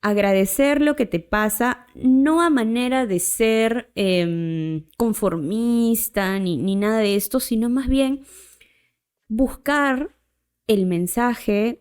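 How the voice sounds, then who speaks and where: A woman's voice: mid-range voice, a little mellow, clear, resonant tone. A woman, a podcast host telling a personal story in a chatty way, often tagging her sentences with a questioning "right?". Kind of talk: casual storytelling.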